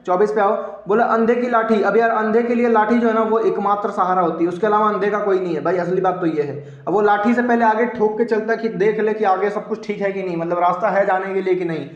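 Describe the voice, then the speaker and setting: High-voiced joking Hindi exam teacher. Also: male voice. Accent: Purvanchal. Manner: joking, repeats answers for students. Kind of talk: online Hindi exam class. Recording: roomy, dull lo-fi sound.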